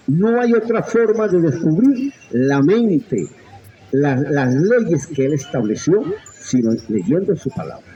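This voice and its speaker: A man's voice: on the high side, warm tone, dull audio. A middle-aged man preaching a sermon with fervent, swooping delivery that rises and drops sharply. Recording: faint background noise.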